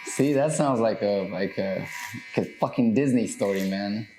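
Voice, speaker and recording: A man's voice: fairly low pitch, normal speed, mellow, reverberant, soft background music, low-quality recording. A man hosting a podcast as a barber, chatting casually with a client while cutting his hair, loose and full of fillers. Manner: loose, laid-back, heavy on fillers and swearing.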